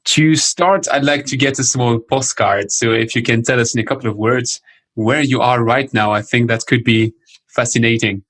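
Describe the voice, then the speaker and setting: A man's voice: medium pitch, steady tone, normal speed, a bit bright. A man hosting a podcast, opening the show from a script and then asking a guest polite, eagerly worded questions. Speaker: podcast host. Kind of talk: scripted intro and interview questions.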